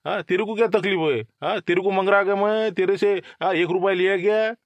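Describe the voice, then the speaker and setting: A man's voice: sits high, steady tone, fairly quick, no echo. A man playing a menacing, swaggering local extortion racketeer in a comic sketch. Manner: menacing, swaggering street talk.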